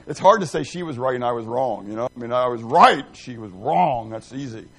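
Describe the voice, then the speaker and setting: A middle-aged man's medium-pitched voice moves fairly quickly through a Bible class he's teaching. His style is rambling and animated, full of self-deprecation, quizzing, and joking with the group.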